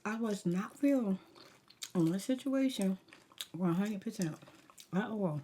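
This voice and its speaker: A woman's voice: medium pitch, animated, slow pace, dark tone, slight background noise. A woman ASMR vlogger rambling through a casual story time, talking candidly and emphatically with slangy asides and advice.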